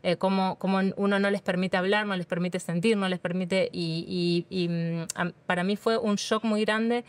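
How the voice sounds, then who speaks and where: A woman with an Argentine accent, a doula speaking as a podcast guest, earnest and warm, often restarting her sentences and repeating words. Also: medium pitch, steady tone, normal speed, hardly any pauses. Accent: Argentine Spanish. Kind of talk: casual podcast conversation.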